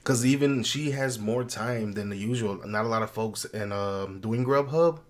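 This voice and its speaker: A man's voice: fairly low pitch, moderate pace. A man sick with the flu and a swollen throat, chatting casually and bluntly as a podcast co-host. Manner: blunt, freely swearing.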